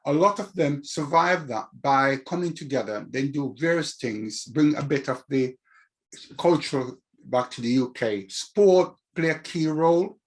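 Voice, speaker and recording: A man's voice: a little high, expressive, measured pace. An older man with a Caribbean accent, talking reflectively as an interview guest about his own experience. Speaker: interview guest, community activist.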